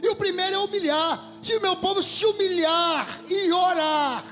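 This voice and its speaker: A man with a Brazilian Portuguese accent preaching a sermon into a microphone in a church, fervent, rising to shouts and dropping to near whispers. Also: very high voice, normal speed, soft background music. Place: church hall. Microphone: handheld microphone.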